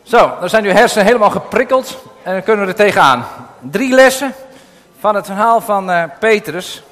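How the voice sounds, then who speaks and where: A man giving a sermon, reading a Bible passage aloud and retelling it in a calm, explanatory way with occasional hesitations. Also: sits high, brisk. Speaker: preacher. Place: church in the north of the Netherlands. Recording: long reverb of a church hall.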